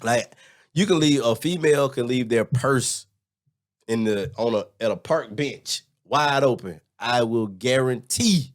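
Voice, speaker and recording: A man in his thirties chatting casually as a guest, telling animated stories full of restarts and filler words. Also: medium pitch, a little slow. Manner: animated storytelling, lots of "like" and restarts. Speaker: guest, former teacher abroad. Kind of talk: casual chat.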